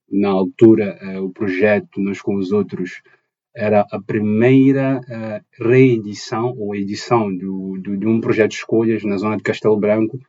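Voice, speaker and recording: A man's voice: fairly low pitch, dark tone, dull audio. A young man from Mozambique, a podcast guest answering thoughtfully and searching for his words with many restarts. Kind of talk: conversational interview answers.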